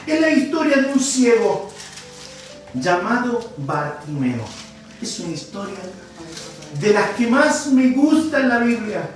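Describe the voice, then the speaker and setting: A man with a Cordoban Argentine accent preaches a sermon with lively storytelling, jokes for his listeners and sudden shouted lines. He is heard from a distance in a very echoey hall. Faint music sits behind his voice. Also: extremely high pitch, slow. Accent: Cordoban Argentine Spanish. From Córdoba, Argentina. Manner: animated storyteller, jokes with the congregation, bursts into shouts.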